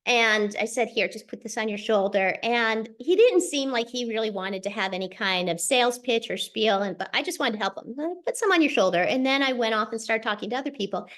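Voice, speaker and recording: Woman, middle-aged, higher voice, lively casual storyteller who acts out quotes. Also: fairly quick, hardly any pauses. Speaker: speaker sharing a personal story.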